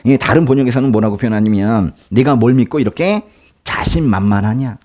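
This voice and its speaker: A man preaching a sermon as pastor, explaining scripture in a lively, conversational way, acting out quoted lines and laughing now and then. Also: mid-range voice, a little fast. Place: church.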